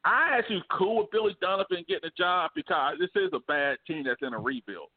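A man co-hosting a podcast, arguing sports in an animated, joking way with bursts of laughter. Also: sits high, fast talker. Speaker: podcast co-host. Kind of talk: casual sports debate. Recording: phone-like narrow band.

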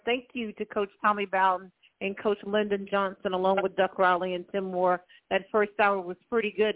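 High-pitched radio host on thin audio. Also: male voice, phone-quality sound. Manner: chatty, bantering. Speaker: sports talk radio host. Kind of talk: casual sports radio chat, introducing guests.

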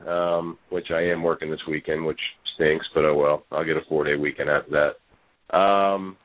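A rumbling low voice with little pitch movement comes through a tinny, echoey speakerphone call, belonging to a man co-hosting a fishing talk show. At a normal pace he chats casually about fishing and reads out a report, often restarting and using fillers.

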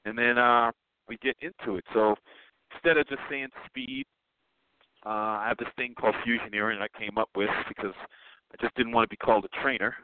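A man from the New York area calling in over the phone to a sports talk show, chatting in an upbeat, animated way as a speed coach. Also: medium pitch, brisk, a little hiss or hum. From New York area, Long Island. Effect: heard over the phone. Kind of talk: casual call-in chat. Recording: tinny, dry phone line.

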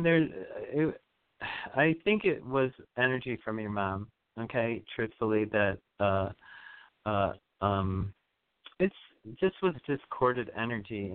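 A man hosting a radio psychic reading, guiding a caller through breathing in a soothing, halting way with many fillers. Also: mid-range voice, clear, resonant tone, no room sound. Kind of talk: spiritual energy reading on air. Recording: phone-like narrow sound.

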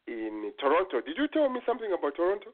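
A man's voice: on the high side, wildly swooping pitch, fast talker. A man hosting a casual radio call-in chat, often repeating his words as he goes. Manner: stammering repetition of words and phrases. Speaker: radio call-in show host. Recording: tinny phone-like radio sound.

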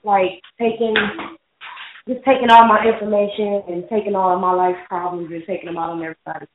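A woman's voice: medium pitch, steady tone, fairly quick, a little hiss or hum. A woman calling in to a live show over the phone, talking casually and hesitantly, apologetic, with lots of "like" and "you know". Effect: phone-line caller voice. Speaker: call-in show caller. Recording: tinny phone line.

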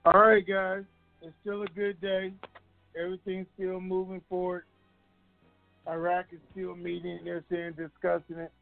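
High-voiced man on a tinny conference call. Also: creaky, no echo. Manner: rambling and offhand. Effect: heard over a conference phone line. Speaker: regular guest on a call-in show. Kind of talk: casual phone call talk. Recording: tinny dry phone line.

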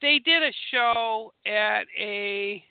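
A woman's voice: medium pitch, drawn-out words, vocal fry, smooth, dry recording. A woman hosting a podcast, chatting in an enthusiastic, meandering way with lots of fillers. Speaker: podcast host. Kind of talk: casual interview chat. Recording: dry, phone-like call audio.

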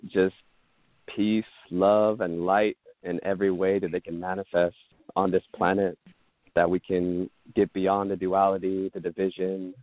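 Radio show caller guy on the phone, deep steady voice, dry tinny line. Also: dry recording. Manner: calm, earnest, spiritual phrasing. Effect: caller heard over a phone line.

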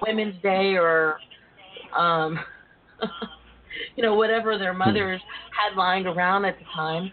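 Sassy female talk radio host, slow and playful, heard over a thin phone-grade line. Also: medium pitch. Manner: sassy, drawn-out delivery with folksy endearments. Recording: narrow phone-like line with faint noise.

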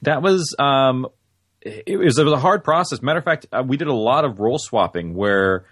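The audio drama creator, interviewed on a podcast, has a medium-pitched, slightly rough voice at an ordinary pace. Studio-quality sound with no room sound captures his loose, filler-heavy rambling, especially "like."

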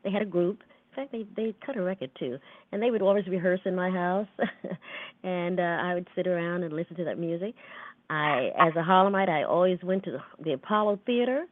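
A woman's voice: fairly low pitch, fairly quick, no echo. An older woman, a singer and guest, reminiscing about her youth in casual interview answers, with small repetitions. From United States. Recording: narrow phone-line radio sound.

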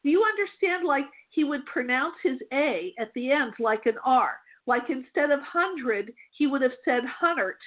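A high-pitched woman speaks in a chatty, reassuring way and laughs easily. She hosts a call-in psychic reading show, and her voice comes over a thin, tinny phone line. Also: expressive, normal speed, hardly any pauses. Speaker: psychic medium host.

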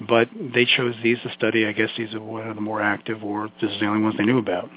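A man with a Brooklyn accent giving an informal health lecture, addressing listeners directly in a folksy way with emphatic asides. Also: medium pitch. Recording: muffled, phone-like lo-fi audio.

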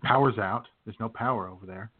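A man with a lowish voice and a fairly quick delivery co-hosts a comedy podcast, trading casual jokes in a laid-back drawl. The audio is thin and band-limited, like a phone line.

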